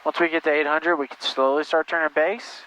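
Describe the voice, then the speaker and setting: A flight instructor coaches step by step over a cockpit headset in a small plane in flight, patient and encouraging, repeating his instructions. His voice is fairly high, brisk, clear and resonant. The intercom audio is muffled, with steady engine noise.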